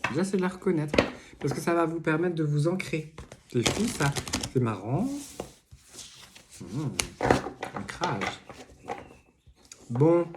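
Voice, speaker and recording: A man's voice: fairly high pitch, slow pace, long pauses. A man giving a casual card reading, rambling with many fillers, asides and jokes. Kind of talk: casual spoken tarot reading. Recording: noisy home recording with clicks.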